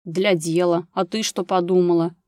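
A gruff, practical grown man from an audiobook, voiced by the woman reading it, talking in short, bossy, businesslike bursts. His tone is blunt and no-nonsense. It sounds close and dry, with no room sound. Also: fairly low pitch, fairly even intonation, normal speed, a little mellow, no echo, natural voice.

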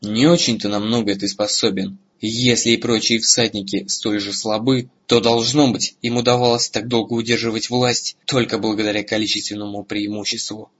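A man's voice: on the low side, flat delivery, moderate pace, hardly any pauses, a bit bright, husky, lo-fi sound. A man reading as a sneering, arrogant sorcerer. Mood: contemptuous. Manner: mocking, contemptuous.

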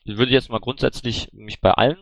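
A man's voice: mid-range voice, fairly even intonation, normal speed, no echo. A man answering questions as a candidate in an online voice chat, hesitant with many fillers and restarts. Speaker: candidate for party board. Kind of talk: online Q&A, casual spoken answers.

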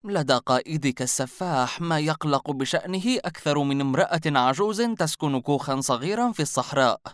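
A man voicing a mysterious old woman hermit, slow and scornful, in a storybook reading. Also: low voice, animated, darkish tone, dry recording, studio quality, voice pushed up. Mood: defiant. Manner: slow, mocking, ominous delivery.

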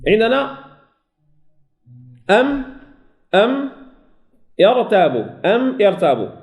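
A man teaching a Quran recitation lesson, who asks and answers his own questions and slowly repeats example words. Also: sits high, sing-song. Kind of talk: recorded tajweed lesson.

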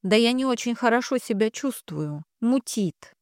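A woman's voice: on the high side, lively intonation, moderate pace, no echo, clean studio sound, voice pushed up. Woman reading a shaken, timid young woman. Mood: dejected. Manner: hesitant, dejected.

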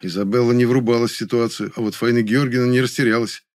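A man reading a first-person story as an audiobook narrator, in an even, dry manner. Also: medium pitch, fast.

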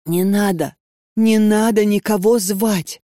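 A woman's voice: mid-range voice, lively intonation, unhurried, dark tone, dry recording, studio quality. A woman reading an audiobook and voicing a frightened, defiant young female student who speaks in a strained way. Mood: pleading.

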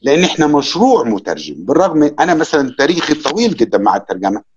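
A man's voice: fairly high pitch, big pitch swings, rapid-fire, dull audio, slight background noise. A man with an Egyptian accent, a conference interpreter giving a reflective talk with many fillers. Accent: Egyptian Arabic. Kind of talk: lecture and casual Q&A.

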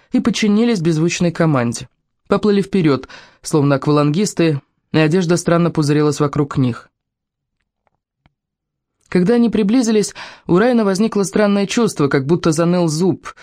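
An audiobook narrator reading a fantasy story in a steady, measured way. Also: mid-range voice, no room sound, studio quality.

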